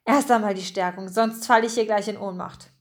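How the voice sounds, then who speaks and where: A woman's voice: mid-range voice, fairly even intonation, a little fast, lightly acted. Woman doing a slangy, hungry mouse guy. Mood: easygoing. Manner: slangy, easygoing. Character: hungry laid-back male brown mouse.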